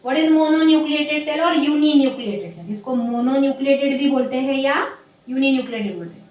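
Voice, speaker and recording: High-voiced woman teacher in an echoey room. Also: far from the mic, dull audio. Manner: slow, deliberate stressing of key terms, quizzing students. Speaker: biology teacher. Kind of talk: classroom lecture mixing Hindi and English.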